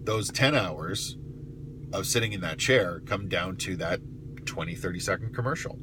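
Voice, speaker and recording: Deep-voiced man talking over car noise. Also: moderate pace. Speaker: private investigator telling of the job. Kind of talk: casual vlog monologue with storytelling. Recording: clear steady car noise.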